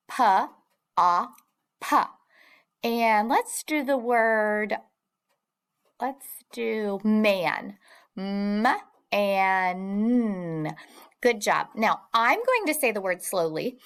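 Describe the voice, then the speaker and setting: A woman teaching a phonics lesson to young children, sounding out words slowly and clearly. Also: a little high, fairly bright tone. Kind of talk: early-years phonics lesson.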